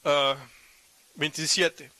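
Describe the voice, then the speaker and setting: Male preacher, high-pitched, reads verses then drives points home with emphatic asides; dry, close recording. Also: fairly even intonation, drawn-out words, pushed and bright, no room sound. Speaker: pastor. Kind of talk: sermon.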